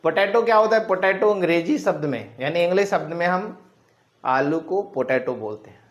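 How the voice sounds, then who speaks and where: Male biology teacher, higher-pitched voice. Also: expressive, moderate pace. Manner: repetitive, asks questions and answers them himself; mixes English terms into Hindi. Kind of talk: classroom lecture.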